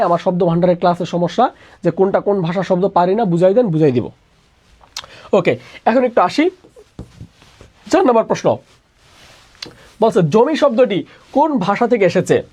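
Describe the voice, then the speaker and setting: A man's voice: high-pitched, darkish tone. Man drilling students by repeating questions. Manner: repeats each question and answers it himself in a call-and-response drill; mixes English words into his speech. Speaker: admission test tutor. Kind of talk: online exam-prep lesson.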